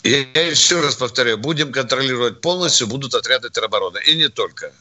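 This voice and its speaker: Bright-voiced brisk radio host, man. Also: medium pitch, animated. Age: older. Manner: brisk, argues with callers. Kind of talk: call-in radio talk.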